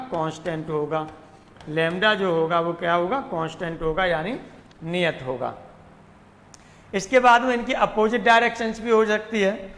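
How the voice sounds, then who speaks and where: A man's voice: high-pitched, a bit bright, in a large hall. A man teaching a math lesson. He mixes with English terms, repeats key words and asks questions he answers himself. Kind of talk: classroom lecture.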